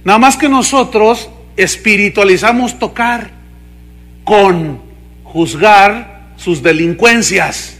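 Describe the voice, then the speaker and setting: A male pastor with a Mexican Spanish accent preaches a sermon with animated, mocking energy. He keeps turning questions on the congregation, his voice sitting high for a man. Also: slow pace.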